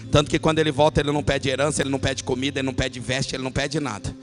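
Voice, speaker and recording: A man preaching a sermon as pastor, telling a personal story and building from quiet narration to shouted, passionate climaxes. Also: medium pitch, little pitch movement, racing, faint music behind.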